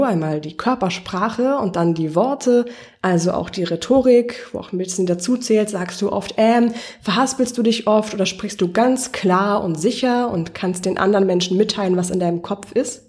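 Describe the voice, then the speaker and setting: A female voice coach talks one-to-one with her listener in a podcast lesson. She explains her points patiently and keeps asking guiding questions. Her pitch sits in the middle range for a woman. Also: moderate pace, a little mellow. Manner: encouraging, addresses the listener directly.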